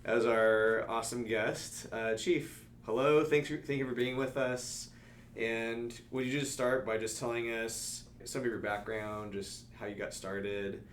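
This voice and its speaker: A man's voice: medium pitch, fairly even intonation, measured pace, slight background noise. A man hosting a city podcast, opening the interview in a loose, friendly way, trailing off as he goes. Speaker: podcast host. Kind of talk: interview host.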